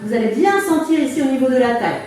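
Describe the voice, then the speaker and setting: Female fitness coach, very high voice, unhurried counting and encouraging cues, heard in a very echoey room. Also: lively intonation, darkish tone. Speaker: fitness instructor leading a workout class. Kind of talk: exercise class instruction with counting. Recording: echoey room, distant mic, music behind.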